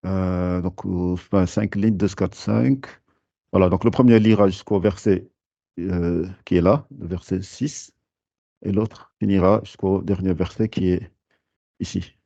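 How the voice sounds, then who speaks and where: Here the same kind of live class unfolds: a man teaching tajwid stops often, restarting and filling gaps, yet stays patient as he repeats Quran recitation rules and reminders. He speaks a little slowly in a low, steady, creaky but mellow voice. The recording is dry, with the highs cut off.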